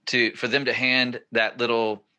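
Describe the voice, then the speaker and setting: Male podcast host, 40s, bright, energetic, rambling storyteller. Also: medium pitch, normal speed, clean tone. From northern California. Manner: excited, rambling storyteller who gets louder at the punchlines. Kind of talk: casual storytelling chat.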